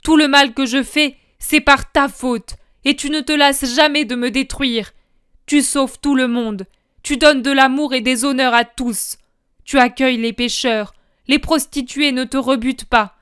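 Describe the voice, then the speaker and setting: A woman voicing a furious male traitor disciple, shouting bitter accusations in a dramatic audiobook reading. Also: sits high, steady tone, unhurried, clean tone, dry recording, clean studio sound, voice pushed up.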